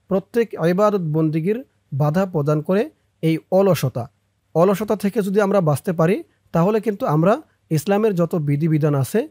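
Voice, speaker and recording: A man with a Bangladeshi Bengali accent teaching a prayer by slow recitation, spelling out each Arabic letter and vowel mark and drawing out the chanted words. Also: sits high, mellow, no room sound, studio quality. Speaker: Islamic teacher.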